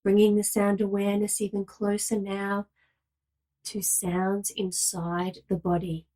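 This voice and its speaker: A yoga nidra guide, a woman with a mid-range voice, leads a guided relaxation meditation. She gives calm, measured, soothing instructions separated by long pauses, though the audio is poor.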